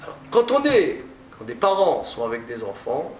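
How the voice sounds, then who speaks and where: A male teacher giving a classroom lecture, often stammering and restarting, stressing points with drawn-out phrasing. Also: fairly high pitch, huge pitch swings. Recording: echoey room, distant mic, faint noise.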